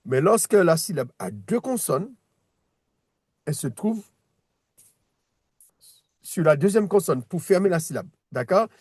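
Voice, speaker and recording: A man's voice: sits high, animated, unhurried, pauses often, darkish tone, slightly rough, no echo, studio quality. A man teaching a one-on-one reading lesson, patient, repeating words and restarting his sentences as he explains. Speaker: Hebrew teacher.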